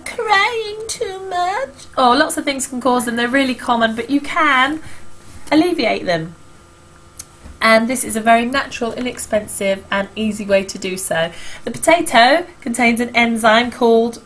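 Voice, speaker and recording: Chatty woman, slightly husky. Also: on the high side, fairly bright tone, poor audio. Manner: chatty, self-mocking. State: slightly husky, squeaky voice after illness. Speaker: beauty vlogger. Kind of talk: casual tutorial chat.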